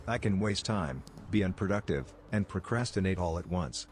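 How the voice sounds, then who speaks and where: A man with a deep voice tells short jokes as a comedian. His delivery is measured and deadpan, moving from setup to punchline. Music plays behind him.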